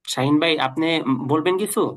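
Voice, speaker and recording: A man teaching an online Quran reading class, patiently repeating letter sounds slowly for his students. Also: a little high.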